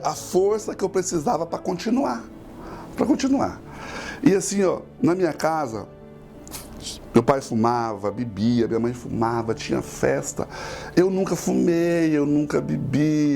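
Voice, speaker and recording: A man's voice: a little high, darkish tone. A middle-aged man, a pastor, giving an emotional, tearful personal testimony.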